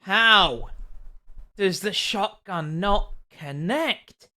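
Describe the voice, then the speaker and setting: A man's voice: high-pitched, lively intonation, drawn-out words, pushed and bright. A man working as an esports caster, giving conversational commentary and analysis of a match to a co-caster.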